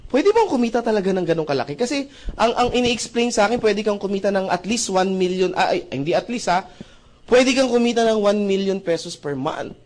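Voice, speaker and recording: A man with a Filipino accent giving a testimonial talk to an audience, acting out both sides of past conversations and often asking the audience to agree. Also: sits high. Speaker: motivational speaker.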